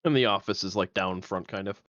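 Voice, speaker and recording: A man's voice: deep voice, a little fast, fairly bright tone, no echo. A man playing a tabletop game in casual role-play chat, wry and joking, with dull, muffled sound.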